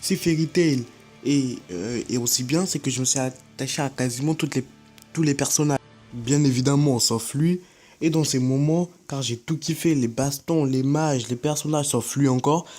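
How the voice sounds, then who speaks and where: A man's voice: mid-range voice, moderate pace, darkish tone, soft background music. A teenage boy giving a casual, slangy vlog rant, talking straight to his viewers. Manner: chatty, slangy, addresses viewers directly. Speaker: anime YouTuber.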